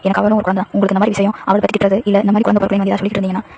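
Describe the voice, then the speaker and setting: A devoted young husband, as a woman narrator reads him in a fan story, earnest and protective. He speaks quickly with little rise and fall in pitch. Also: completely flat delivery, vocal fry, mellow, slight background noise, lightly acted. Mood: firm. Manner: earnest, firm in defense of his wife.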